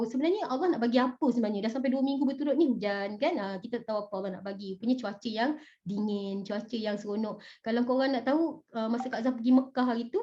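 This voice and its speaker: A woman with a bright, high voice leads a religious motivational talk. She is animated and chatty, and she keeps turning questions back to her listeners. The recording sounds dull and muffled. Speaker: motivational speaker.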